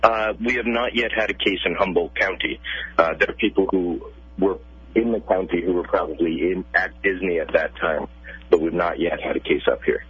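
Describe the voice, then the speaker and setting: A man with a deep, husky voice speaks over a thin, tinny phone line. He is a pediatrician answering questions on a radio interview, calm and measured as he explains. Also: no echo. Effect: heard over a phone line.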